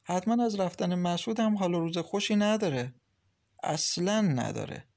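A man's voice: sits high, vocal fry, voice pushed up. A man voicing a caring, talkative young wife who gives kind, lecturing advice in an audiobook. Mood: advising. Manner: lively, reassuring, lecturing kindly. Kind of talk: audiobook character reading.

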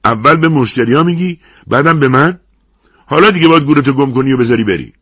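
A man voicing an angry male restaurant manager who yells at an employee. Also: mid-range voice, animated, husky, dry recording, studio quality, pitched above the performer's own voice. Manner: formal then shouting.

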